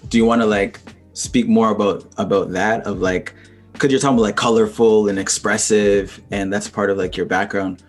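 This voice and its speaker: A man with a fairly low voice hosts a relaxed interview and works his way through long, rambling questions. He fills his speech with "like", "um" and slang. Faint music sits under the conversation. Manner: rambling, searching questions with many fillers and slang. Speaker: interviewer, host.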